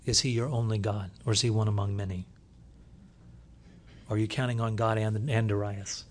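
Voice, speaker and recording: A man preaching a sermon, retelling a scripture story with lively storytelling and loud bursts when he reads from the text. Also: lowish voice, moderate pace, a little hiss or hum. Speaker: pastor.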